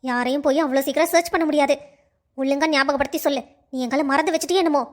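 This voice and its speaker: A woman's voice: high-pitched, steady tone, fast talker, close to an everyday voice. A woman voicing a proud, scolding mother-in-law in a cartoon, lecturing sharply. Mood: stern. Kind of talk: cartoon voice acting.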